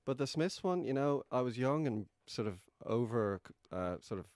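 A man's voice: medium pitch, expressive, moderate pace, darkish tone, no room sound. A man being interviewed as a musician guest on a radio show, chatting in a wry, self-deprecating way from a radio studio.

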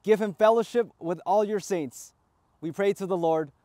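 High-voiced priest reciting funeral prayers. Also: male voice, warm tone, no echo. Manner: measured liturgical recitation. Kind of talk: graveside funeral rite.

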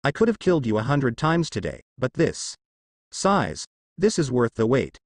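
A man's voice: mid-range voice, sing-song, normal speed, no echo, clean studio sound. Azazel, a taunting demon, read by a man. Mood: gloating. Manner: taunting, mocking. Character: gloating, menacing male demon.

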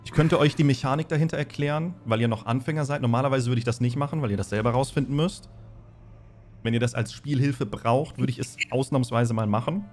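Acting as game master for a tabletop game, a man narrates and referees while explaining as he goes. His voice is medium in pitch and a little mellow, moving at a quick pace, with faint music in the background.

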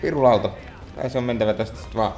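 A man's voice: mid-range voice, over music. A man giving gameplay commentary as a let's play host, muttering and grumbling at the game in an exasperated way. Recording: echoey room.

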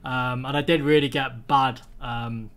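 A young British podcast host from the United Kingdom chats casually over a video call from a room at home. His medium-pitched voice is steady, unhurried, and a bit bright, and his talk rambles with many fillers and restarts.

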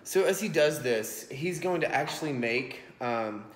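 Unhurried and expressive at a medium pitch, a man in his thirties offers casual, chatty commentary on his cooking vlog, explaining along the way and often joking at his own expense. The indoor home kitchen echoes on an iPhone propped atop books, with slight background noise.

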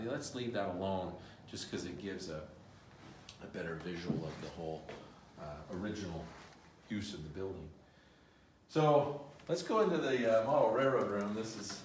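A middle-aged man giving a casual guided tour of a museum's restored rooms, often pausing with fillers as he walks and explains. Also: sits low, far from the mic, slight background noise. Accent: Pacific Northwest American. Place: large empty house museum rooms with bare walls, indoors. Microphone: handheld phone camera following him, often several steps away. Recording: roomy echo, speaker off mic.

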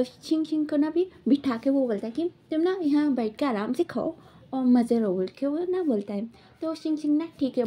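A woman's voice: high-pitched, warm tone. A woman retelling a story in casual chat, chatty and full of filler words.

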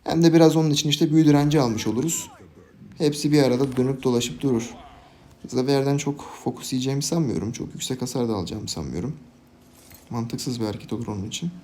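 A young man giving casual, jokey live commentary on his own game, swinging from quiet planning to loud, laughing outbursts. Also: mid-range voice, fast, slight background noise. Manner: excitable, jokey, shouts and laughs at big plays. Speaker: gaming YouTuber.

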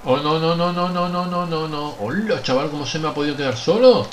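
Excitable young gamer. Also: male voice, a little high, brisk. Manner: swings from muttering to shouting at goals. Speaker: gaming youtuber. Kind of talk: excited let's-play commentary. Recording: faint background noise.

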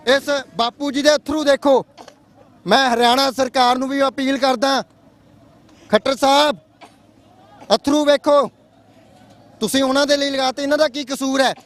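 A man reporting live from a roadside barricade, speaking urgently and with passion. His voice sits very high for a man, and he presses his appeal to the authorities with insistence. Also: a bit bright. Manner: urgent, impassioned, appealing to officials. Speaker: field reporter. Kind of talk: live on-the-spot news report. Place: outdoors at a road barricade.

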